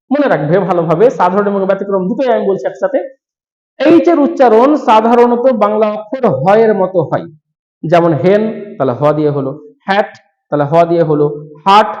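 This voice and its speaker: A man from West Bengal, an English grammar teacher explaining rules to students slowly, step by step, repeating each point. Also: high-pitched, darkish tone. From West Bengal, India. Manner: slow, repetitive step-by-step explaining. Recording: echoey, dull room sound.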